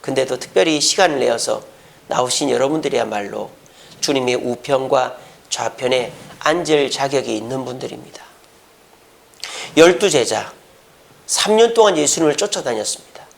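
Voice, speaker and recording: Animated Korean pastor preaching. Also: male voice, mid-range voice, moderate pace, gravelly. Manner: animated, conversational preaching with rhetorical questions. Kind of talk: sermon. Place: church.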